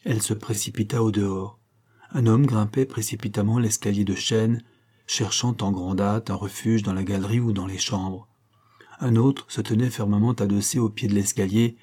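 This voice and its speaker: A man narrating a classic novel as an audiobook, in a measured, even storytelling voice. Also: fairly low pitch, husky. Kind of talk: scripted narration.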